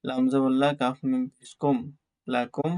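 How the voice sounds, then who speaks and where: A man teaching Quran reading in an online class, slowly spelling out Arabic letters and vowel marks in Bengali with a Bangladeshi accent. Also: mid-range voice, flat delivery, mellow, smooth. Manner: slow, drawn-out recitation of letters and vowel marks.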